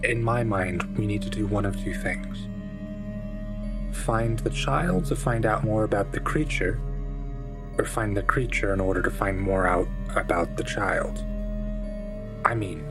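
A man playing a serious monster investigator in a tabletop game, speaking formally and deliberately, with pauses. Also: deep voice. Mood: grave, deliberate. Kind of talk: in-character tabletop role-play.

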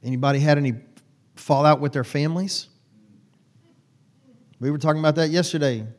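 A pastor delivers a conversational church sermon, chatting with his congregation and teasing members by name in a folksy way. His voice sits on the high side, steady and a little mellow, and he talks slightly fast.

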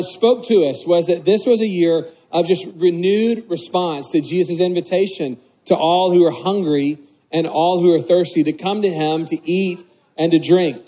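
Gravelly-voiced male pastor preaching. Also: high voice, warm tone, rough recording. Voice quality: gravelly, hoarse rasp. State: getting over a cough. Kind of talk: sermon with prayer and scripture reading.

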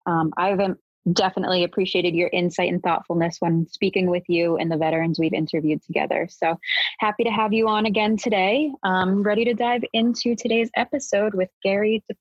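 A woman hosting a casual interview, friendly and quick to laugh, with frequent "um"s. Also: medium pitch, fairly even intonation, slightly rough, no room sound, highs cut off. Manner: friendly, laughs often, filler "um"s. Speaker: podcast host.

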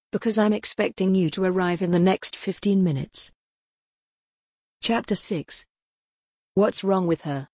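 Low-voiced woman narrating a gothic novel. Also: a little mellow, husky, no echo, studio quality. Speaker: audiobook narrator. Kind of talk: scripted narration.

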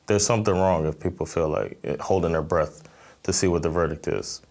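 Deep-voiced American man, halting and earnest. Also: a little mellow. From Miami, Florida, USA. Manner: thoughtful, halting, many fillers and restarts. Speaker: stand-up comedian, interview guest. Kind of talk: earnest interview answers.

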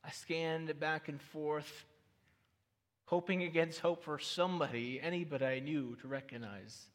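A man's voice: a little high, measured pace. A man preaching a sermon, telling a personal story with light humor and talking directly to the audience. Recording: reverberant hall.

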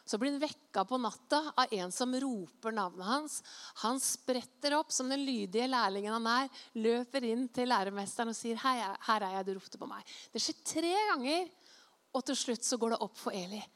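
With a slightly high voice and big-room sound, this female preacher shares an anecdote and reads scripture during her sermon. Her delivery is lively storytelling, complete with acted-out voices for the quotes.

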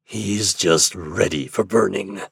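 A man voicing a sooty, menacing male forest devil in a hoarse, growling voice that speaks slowly and deliberately. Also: deep voice, fairly bright tone, no room sound, clean studio sound, exaggerated voice. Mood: gruff menace. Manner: slow, deliberate, brooding.

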